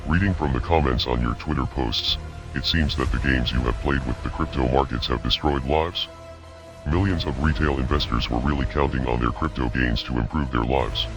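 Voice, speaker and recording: A man reading a scripted, accusing statement in an electronically deepened, disguised voice. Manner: steady, accusing, ominous. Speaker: anonymous activist spokesman. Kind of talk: scripted statement read aloud.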